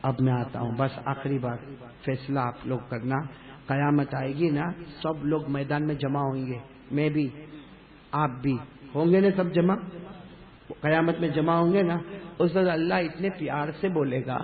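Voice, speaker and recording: A man's voice: a little high, steady tone. A man preaching a sermon, pushing the congregation to call the answers back to him. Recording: echoey hall over a tinny phone-like line.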